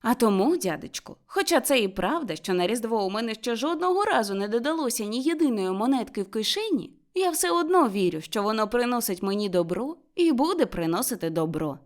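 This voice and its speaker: An eager, cheerful young man, as a woman reader plays him in a storybook, high and bright-toned. His voice leaps up and down with excitement. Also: fairly quick, few pauses. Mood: pleading.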